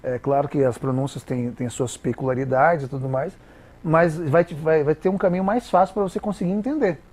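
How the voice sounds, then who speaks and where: Halting, teacherly Brazilian man. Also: on the high side, darkish tone. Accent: Brazilian Portuguese. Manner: didactic, with many halting repeated words. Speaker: interview guest, English teacher. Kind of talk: explanatory interview talk.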